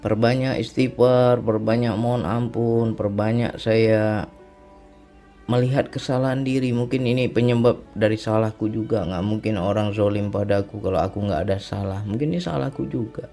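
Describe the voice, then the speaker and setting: A man with a low, mellow voice telling a religious testimony, unhurried and reflective, circling back over his own phrases. Faint music sits quietly under his voice. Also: steady tone. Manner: reflective, repetitive, often ends with "ya kan". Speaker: speaker sharing a personal testimony.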